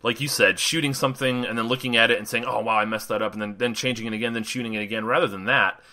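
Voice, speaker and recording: A man's voice: medium pitch, fairly even intonation, racing, bright, forceful tone. A male wedding photographer co-hosting a podcast, talking casually and rambling with lots of fillers and laughs.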